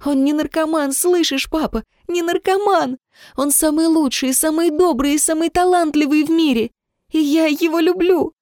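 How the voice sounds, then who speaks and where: A woman voicing a desperate young woman who pleads and cries in a high, breaking voice. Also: normal speed, darkish tone, dry recording, clean studio sound, lightly acted. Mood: anguished anger. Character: desperate young woman, a mayor's daughter in love.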